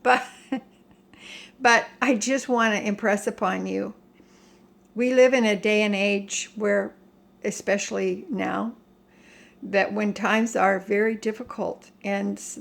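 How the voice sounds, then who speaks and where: An older American woman giving a casual rant to viewers in a halting, emphatic, plain-spoken way. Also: medium pitch, fairly even intonation, creaky. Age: older, 60s or above. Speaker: home vlogger. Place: home kitchen.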